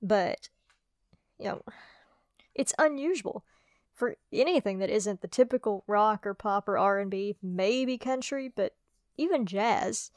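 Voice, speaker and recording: Casting: American woman, mid-pitched, dry close mic, upbeat music-review co-host. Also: a little slow, long pauses, a little mellow, no room sound. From United States. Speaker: podcast co-host reviewing albums. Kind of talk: casual music review chat.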